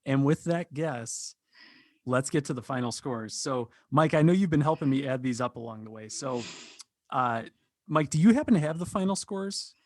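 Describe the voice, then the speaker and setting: A man hosting a podcast music quiz, talking casually with a relaxed, halting manner. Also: mid-range voice, no echo. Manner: relaxed, hesitant with fillers. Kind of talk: casual chat.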